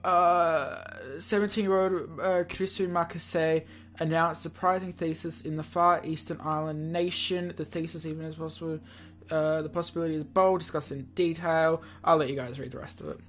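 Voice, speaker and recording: A man hosting a let's play reads a visual novel aloud theatrically, mixing in casual, offhand asides as game narration. His voice is on the high side, with a flat delivery and a moderate pace.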